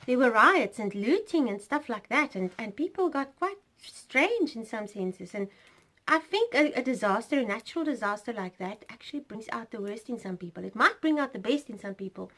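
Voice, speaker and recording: A South African woman talks casually on her knitting podcast, her voice sitting a touch high. She rambles and wanders into asides, leaning on fillers like "um" and "so anyway." It is relaxed, meandering chat. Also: normal speed. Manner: rambling, chatty, self-interrupting with fillers and laughs.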